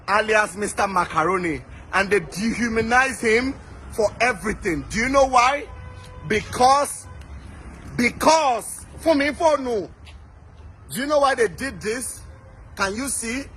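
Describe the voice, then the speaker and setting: A young man with a Nigerian accent giving an impassioned, profane protest rant, often repeating words. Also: poor audio. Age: young adult. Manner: angry, profane, repeats words, swings from shouts to low murmurs. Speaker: activist speaking out.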